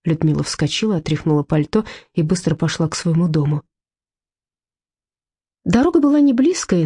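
A woman narrating an audiobook in lively storytelling fashion. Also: lowish voice, husky, no echo, studio quality. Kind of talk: scripted narration.

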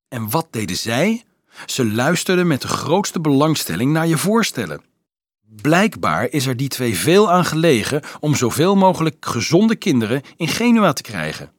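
A man voicing a worldly young male student who speaks softly and wryly, in a husky voice. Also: medium pitch, dry recording, studio quality, pitched above the performer's own voice. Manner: soft-spoken, wry, mildly lecturing.

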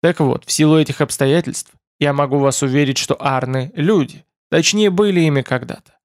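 A man's voice: on the high side, a little fast, no room sound, studio quality, close to an everyday voice. A man voicing a polite, curious lord of a nonhuman race, speaking formally. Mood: courteous.

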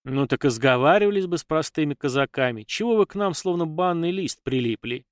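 A man's voice: on the high side, animated, normal speed, no echo. Brief: narrator voicing curt, threatening young man, dry read. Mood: angry. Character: young man, grim, tired, quick to threaten.

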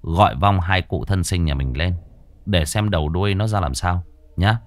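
A man voicing a calm, blunt, mocking male exorcist who gives orders. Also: sits low, normal speed, no echo. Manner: calm, teasing, commanding.

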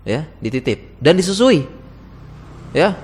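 A man's voice: on the high side, sing-song, slow, darkish tone, slightly rough. A man giving a chatty lecture to teachers, asking his audience questions and laughing often. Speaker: teacher giving a talk to Islamic school teachers. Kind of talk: casual lecture. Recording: long hall reverb.

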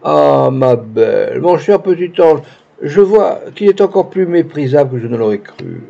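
A man's voice: fairly high pitch, lively intonation, normal speed, vocal fry, mellow. A man reading the lines of a young actress with pompous, gushing phrasing, in a dull lo-fi recording. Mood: scornful. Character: young woman, pretentious theatrical actress.

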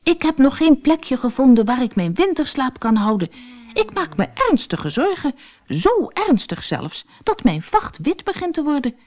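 A woman's voice: very animated, normal speed. A woman voicing a small, worried young male stoat in a children's storybook, anxious and pleading. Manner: anxious, pleading, high and bright.

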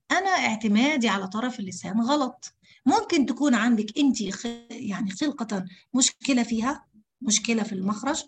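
A woman with an Egyptian accent teaching Quran recitation, who speaks straight to her female students and repeats syllables to show how each sound is made. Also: a little high. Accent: Egyptian Arabic. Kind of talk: tajweed lesson explaining letter articulation.

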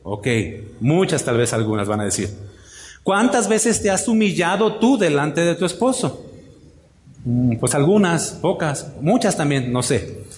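Male pastor, lively sermon, fairly high voice, echoey hall reverb. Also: unhurried, a little hiss or hum. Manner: animated, rhetorical questions, acts out wives' voices. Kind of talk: sermon to women of the church.

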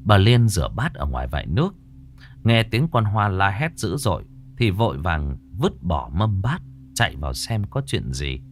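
A man narrating a ghost story in a lively, dramatic way. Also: low voice, moderate pace, a little hiss or hum.

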